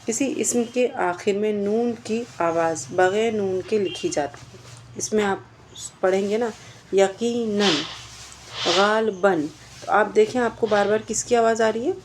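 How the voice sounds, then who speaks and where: A woman with a medium-pitched voice and an Indian Urdu accent teaches a grammar lesson against background noise. She explains step by step, posing questions and then answering them herself.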